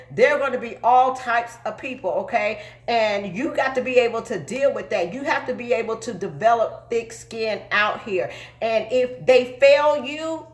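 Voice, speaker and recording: Emphatic forty-year-old woman, echoey room. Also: fairly high pitch. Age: 40s. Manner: emphatic, repeats "okay?" often. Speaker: truck driver and recruiter. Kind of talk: motivational live talk to viewers.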